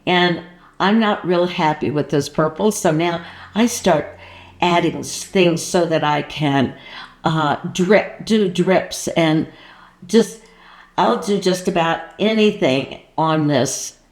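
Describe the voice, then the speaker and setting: A woman's voice: deep voice, slow pace, a little mellow. A woman artist and art coach talking casually to her viewers, then narrating her painting process and joking about her own frustration. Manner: playful, asks the viewer questions.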